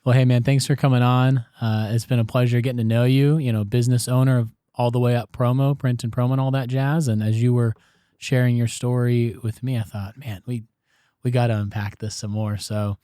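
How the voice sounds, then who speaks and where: Man, podcast host, friendly chatty manner, medium pitch, dry close recording. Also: flat delivery, fairly quick, dark tone, clear, resonant tone, dry recording. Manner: friendly, chatty, laughs easily, says "man". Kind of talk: casual interview chat.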